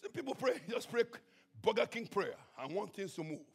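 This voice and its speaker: A man preaching a sermon with passion, swinging between shouts and hushed tones. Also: high-pitched, very animated, moderate pace, husky. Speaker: pastor.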